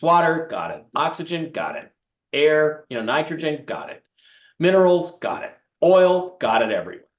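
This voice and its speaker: Emphatic man on an echoey, dull line. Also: on the high side. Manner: emphatic, opinionated, animated. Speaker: host. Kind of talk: casual interview chat. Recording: echoey, dull lo-fi remote audio.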